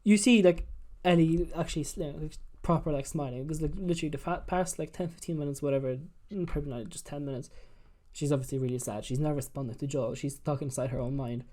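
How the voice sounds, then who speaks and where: A man's voice: on the high side, fast talker, mellow. A man hosting a casual gaming chat, retelling scenes in a rambling, sweary way, full of "like" and "you know". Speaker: podcast host.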